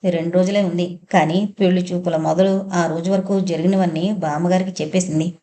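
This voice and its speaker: Female narrator for a long-form audio novel: steady, even delivery, mellow and low. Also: a little fast. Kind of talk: scripted first-person novel narration.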